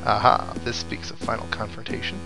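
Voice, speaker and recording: In a lowish, gravelly voice, a little fast and level in tone, a man talks through a video game as a let's play commentator, musing and reading story snippets aloud. The recording is rough, and game music and effects sound in the background.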